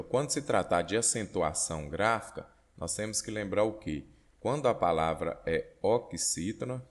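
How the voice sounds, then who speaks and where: A man with a Brazilian Portuguese accent, teaching an online exam-prep lesson and explaining step by step while checking in with his students. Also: lowish voice.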